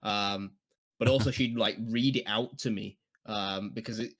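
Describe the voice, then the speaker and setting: A man, chatting casually and nostalgically on a podcast, laughing often and filling pauses with ums. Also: lowish voice, steady tone. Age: 20s. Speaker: podcast co-host. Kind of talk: casual chat.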